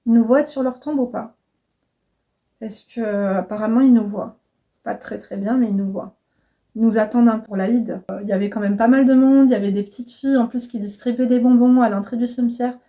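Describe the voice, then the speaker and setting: A woman's voice: a little high, fairly even intonation, brisk, warm tone. A woman in her thirties chatting frankly to camera as a vlogger and coach, casual and direct, swearing freely. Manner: chatty, frank, swears casually, addresses viewers as "mes crèmes".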